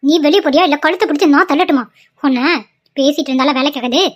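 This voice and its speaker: A woman voicing a cruel, arrogant mother-in-law in a cartoon, with a harsh, lowered voice. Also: fast talker, close to an everyday voice. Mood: vicious. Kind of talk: cartoon voice acting. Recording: dull lo-fi sound.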